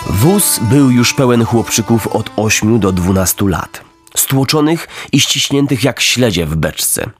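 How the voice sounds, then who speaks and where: A man narrating a storybook in a theatrical, expressive way. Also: medium pitch, unhurried, faint music behind. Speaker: audiobook narrator.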